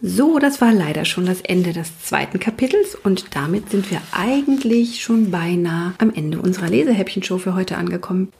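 A woman hosting a show where she reads a children's book aloud, expressive and lively with hushed passages. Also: on the low side, creaky, breathy edge. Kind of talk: storybook read-aloud.

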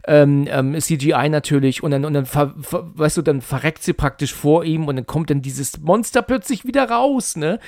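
A man in casual podcast chat, excitedly retelling a film plot, full of fillers and restarts. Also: on the high side, moderate pace, few pauses, no room sound, studio quality. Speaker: podcast co-host.

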